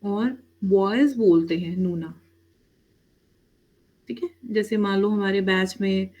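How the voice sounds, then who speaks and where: A woman's voice: mid-range voice, slow, a little mellow. A woman teaching an online Korean language class, who mixes in English words and keeps checking with her students. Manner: addresses students as "beta", frequent "theek hai?" checks.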